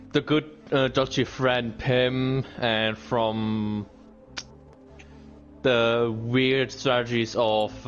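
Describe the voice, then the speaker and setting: A man chatting casually about a sim race on a livestream, halting and full of fillers. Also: medium pitch, muffled recording. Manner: halting, with many fillers and restarts. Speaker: sim racing league driver.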